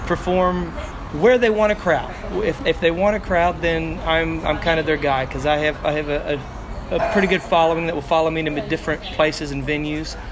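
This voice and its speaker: Male country entertainer, Arkansas hillbilly drawl, halting interview talk, a touch high-voiced, clear traffic noise behind. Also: fairly even intonation. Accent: Arkansas hillbilly, Southern US. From Arkansas, United States. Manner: halting, repeats words mid-sentence. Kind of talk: casual interview chat. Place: bar, on location with street noise. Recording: noisy outdoor bar, traffic behind.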